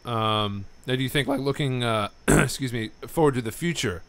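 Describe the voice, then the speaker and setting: A man's voice: mid-range voice, moderate pace, fairly bright tone. Rambling male podcast host. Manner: rambling, frequent affirmations and fillers. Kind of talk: casual interview chat.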